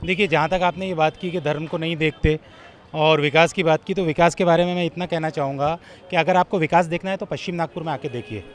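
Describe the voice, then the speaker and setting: Man, rather high voice, outdoors, emphatic, speech-like, accusing questions. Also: steady tone, quick pace. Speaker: local supporter interviewed on the street. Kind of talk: street interview, political speech.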